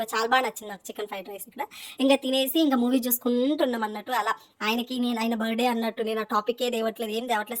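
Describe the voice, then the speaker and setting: A young woman with a Telangana Telugu accent narrates a family story in a chatty vlog voice-over, slipping English words in as she goes. Her voice sits high, and she races through her sentences at a very quick clip. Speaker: vlogger.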